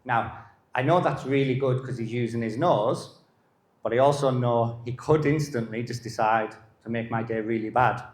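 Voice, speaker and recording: A middle-aged man, a dog behaviour specialist, giving a live masterclass in a calm manner and short broken phrases. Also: mid-range voice, moderate pace. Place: live lecture venue. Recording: roomy echo.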